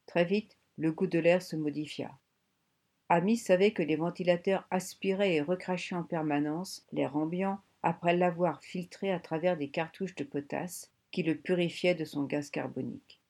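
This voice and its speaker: A woman reads a novel aloud in a measured storytelling manner. Her voice sits low, with a dark, mellow tone. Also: fairly even intonation. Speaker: audiobook narrator. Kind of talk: scripted narration.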